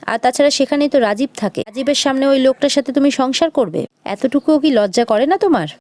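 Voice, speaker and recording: This is a proud young man, angry and accusing, read out by a woman. His lines come in a reproachful tone from a slightly high voice. The sound is close and dry, with no room around it. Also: expressive, fast, a little mellow, no room sound.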